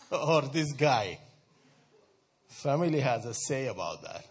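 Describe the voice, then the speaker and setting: A man's voice: mid-range voice, sing-song, slow pace, husky. A man from Sudan, giving a conversational talk to a church group, asking his listeners questions and laughing often. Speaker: speaker addressing a church group. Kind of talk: informal talk to an audience.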